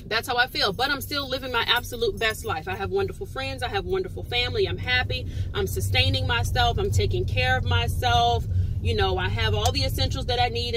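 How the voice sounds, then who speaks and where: A woman in her forties giving an earnest, casual motivational talk, repeating her points for emphasis. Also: on the high side. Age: 40s. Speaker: vlogger. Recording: loud outdoor traffic noise.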